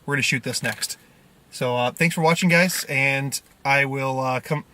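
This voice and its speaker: Man, thirties, mid pitch, casual rambling vlog chat, car interior, camera at arm's length. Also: normal speed, bright, forceful tone, slight background noise. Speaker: film photography vlogger. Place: inside a parked car. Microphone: camera mic at arm's length.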